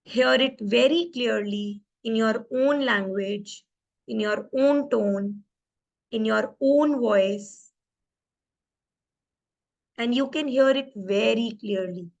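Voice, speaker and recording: A woman, a life coach, calmly leading a guided visualization exercise in drawn-out instructions that mix Hindi and English. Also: a little high, creaky, highs cut off.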